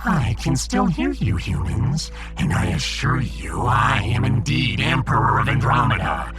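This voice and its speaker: A man's voice: lowish voice, sing-song, a little slow. A man voicing a pompous, deranged alien fish who rules as emperor, speaking grandly and formally in a sci-fi audiobook. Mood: pompous, imperious. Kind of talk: sci-fi audiobook character acting. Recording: music behind the voice.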